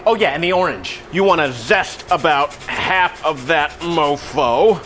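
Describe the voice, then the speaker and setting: A man's voice: fairly high pitch, expressive, unhurried, a bit bright, soft background music. A man hosting a casual cooking tutorial in an offhand, self-deprecating, rambling way with trailing asides. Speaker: cooking show host.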